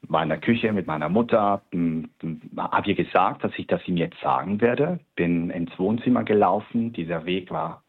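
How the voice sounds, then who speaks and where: This man's low, husky voice is animated, at a normal pace with few pauses. He is a guest artist from Switzerland relating his story in an interview, hesitating frequently and restarting with many fillers, heard on a tinny phone-like line.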